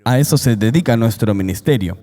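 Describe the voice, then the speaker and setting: An earnest man recounts a personal testimony with emphatic, storytelling delivery. His voice is warm and mellow at an average pitch. A long, hall-like reverb trails behind every phrase. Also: expressive, fairly quick. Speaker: guest giving a testimony. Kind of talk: dubbed interview testimony.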